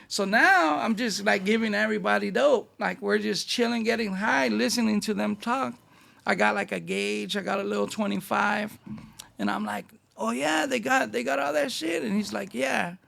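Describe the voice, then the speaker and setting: A man with a Los Angeles Chicano accent spins slangy street stories in a loose interview. His voice sits high and carries a heavy gravelly fry, and he slips into the voices of the people he quotes. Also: steady tone, normal speed, bright, forceful tone. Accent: Los Angeles Chicano English. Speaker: guest. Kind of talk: casual storytelling interview.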